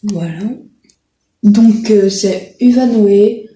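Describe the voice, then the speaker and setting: A video creator chats casually to her viewers while presenting riding-school horses, hesitating often, with plenty of filler sounds and self-corrections. Her mid-range voice has a dark tone and moves extremely slowly. Roomy echo fills the recording.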